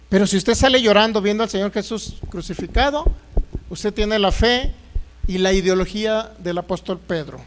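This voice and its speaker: A man preaching a sermon as pastor, asking the congregation questions and acting out Bible figures. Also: sits high. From Mexico. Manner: lively preaching, acts out voices of Bible figures, rhetorical questions.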